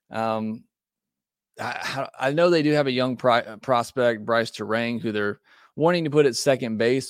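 A man hosts a baseball podcast, offering casual, opinionated takes in a conversational style packed with fillers. His voice is medium-pitched, and the recording is studio quality with no room sound.

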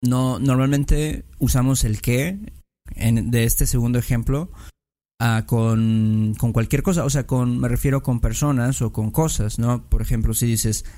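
A man co-hosting a podcast in relaxed, hesitant casual chat, mixing in English phrases. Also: medium pitch, a little slow. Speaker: podcast co-host. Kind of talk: casual language lesson chat.

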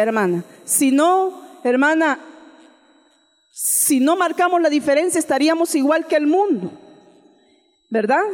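A woman's voice: sits high, long reverb tail. A woman preaching a sermon with a Central American Spanish accent, calling listeners sister and adding frequent amens. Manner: addresses listeners as sister, adds frequent amen. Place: church.

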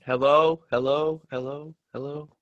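A man's voice: fairly high pitch, fairly even intonation, unhurried, a bit bright, muffled recording. A man co-hosting a podcast over a weak internet call, his voice stuttering and breaking up as the audio buffers. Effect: choppy, stuttering internet call audio that drops out. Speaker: podcast co-host. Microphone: remote call over weak Wi-Fi. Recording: choppy distant-sounding call audio.

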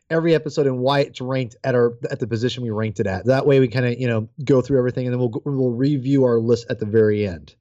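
A man's voice: mid-range voice, darkish tone, dry recording, highs cut off. A man co-hosting a casual chat podcast, laying out the plan and giving opinions in an easygoing way. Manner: organizing, talks through while chewing gummies. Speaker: podcast co-host.

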